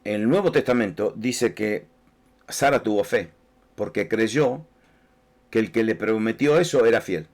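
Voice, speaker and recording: Male pastor, Rioplatense accent, lowish voice, casual repetitive sermon delivery. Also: unhurried, a little mellow. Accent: Rioplatense Spanish. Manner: conversational, repeats words, speaks directly to listeners.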